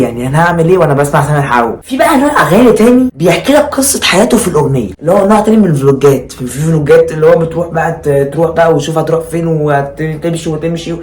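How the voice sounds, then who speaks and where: Egyptian male comic, observational monologue, extremely quick and exasperated, mid-range pitch, roomy echo. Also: a little mellow. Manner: mock-exasperated, rhetorical questions, repeats himself. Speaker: stand-up comedian. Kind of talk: conversational observational stand-up comedy monologue.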